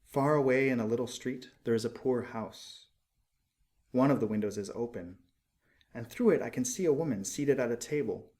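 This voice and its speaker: A man voicing a gentle, sorrowful statue of a dead prince in a storybook, solemn, wistful and musical. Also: normal speed, natural voice. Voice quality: low, musical. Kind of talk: storybook character voice.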